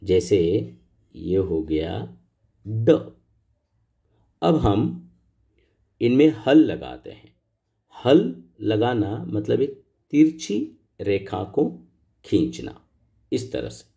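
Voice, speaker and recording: A man's voice: fairly low pitch, big pitch swings, extremely slow, creaky, long pauses, mellow. A middle-aged man teaching a school grammar lesson, explaining patiently step by step and asking the pupils questions.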